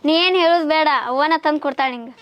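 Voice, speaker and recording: A woman's voice: high voice, very fast, muffled recording, natural voice. A young woman playing a bossy student elder sister, speaking. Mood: firm. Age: young adult. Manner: bossy, reproachful. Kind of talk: village short-film acting.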